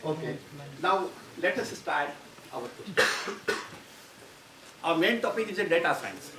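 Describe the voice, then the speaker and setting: A man's voice: on the high side, animated, a little slow, pushed and bright. A man giving a university lecture, rambling and restarting his phrases. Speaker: guest lecturer. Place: lecture hall. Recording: roomy, distant mic, audible background noise.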